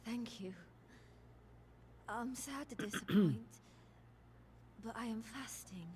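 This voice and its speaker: A meek, pious nun from a video game, fairly high-pitched and very slow. She is gentle and formal, heard from a distance through clear background noise. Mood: meek, apologetic.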